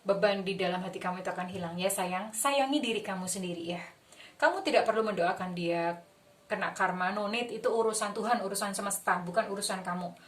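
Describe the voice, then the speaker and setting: A young woman with an Indonesian accent talks viewers through a tarot reading and a gentle healing exercise, her voice soft, soothing and affectionate. She sits a little back from the microphone, so the sound is slightly distant. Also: mid-range voice, fairly quick. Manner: soothing, affectionate, mixes English phrases. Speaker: tarot reader. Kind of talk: guided healing visualization and tarot talk.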